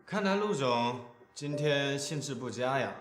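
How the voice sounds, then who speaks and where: A man's voice: mid-range voice, animated, a little slow, a bit bright, roomy sound. An actor playing a sleazy, pushy male businessman who leers and bosses others around in a TV drama. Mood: mocking. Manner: leering, bossy. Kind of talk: TV drama acting.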